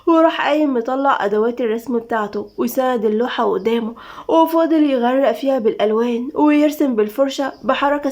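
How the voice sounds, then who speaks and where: A woman with an Egyptian accent narrating an audio story in a brisk, dramatic reading. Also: high voice, darkish tone.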